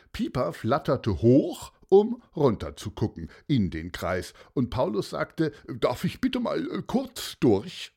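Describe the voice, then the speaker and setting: A man reading a children's story aloud in an expressive, unhurried way. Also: mid-range voice. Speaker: narrator.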